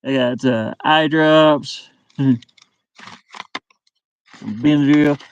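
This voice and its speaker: His voice is gravelly and a little high, and he speaks very slowly. The middle-aged man is livestreaming from a van, chatting casually with viewers and muttering to himself in short, broken phrases. The webcam audio is lo-fi with a faint hiss or hum.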